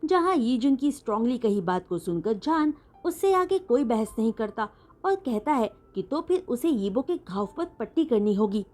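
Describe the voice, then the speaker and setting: A woman retelling a fan-written romance story as an animated, dramatic storyteller. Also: fairly high pitch, normal speed. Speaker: fanfiction storyteller.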